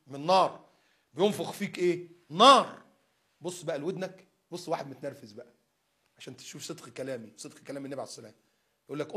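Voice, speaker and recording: Fast-talking Egyptian preacher man. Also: a little high. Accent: Egyptian Arabic. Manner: animated, acts out examples, asks rhetorical questions. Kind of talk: casual colloquial religious talk.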